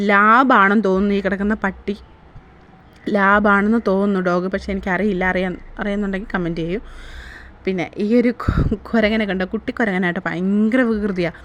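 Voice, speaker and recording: A woman's voice: mid-range voice, a bit bright, muffled recording. A woman narrating her family day-out vlog in a casual, chatty way, often asking viewers to comment. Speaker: vlogger.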